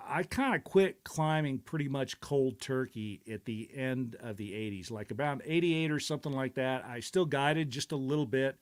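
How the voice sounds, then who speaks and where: A middle-aged man hosting a casual live stream, talking in a rambling, reflective way with many fillers and restarts. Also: medium pitch. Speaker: show host.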